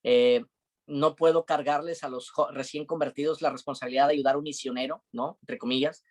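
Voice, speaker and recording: A man's voice: on the high side, steady tone, fairly quick, darkish tone. A young man giving an earnest, confiding devotional testimony, with frequent fillers. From Mexico. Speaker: preacher.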